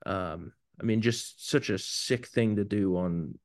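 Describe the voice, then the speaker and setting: A man hosting a casual talk show over rough, low-quality remote stream audio, blunt and opinionated, sometimes swearing. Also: slow pace, no echo, clean studio sound. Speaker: show host.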